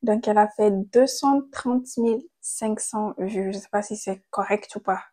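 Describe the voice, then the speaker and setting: A young woman vlogging casually into a handheld mic at home, chatty and quick to laugh, trailing off and restarting her thoughts. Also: medium pitch, warm tone. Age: young adult. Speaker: content creator. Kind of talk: casual vlog chat. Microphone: handheld microphone.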